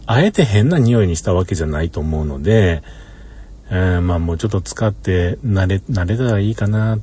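A man's voice: low voice, lively intonation, fairly quick, warm tone, breathy edge. A man with a Kansai accent rambling in an easygoing way in a casual solo monologue, often chuckling, recorded inside a parked car. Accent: Kansai Japanese. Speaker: solo podcaster.

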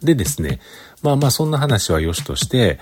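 A man's voice: medium pitch, sing-song, fairly quick, soft background music. A man with a Kyoto Kansai accent chats casually by himself as a show host, sounding congested with a blocked nose and talking as if holding his breath. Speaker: host of a recorded solo talk show. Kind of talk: casual chat monologue.

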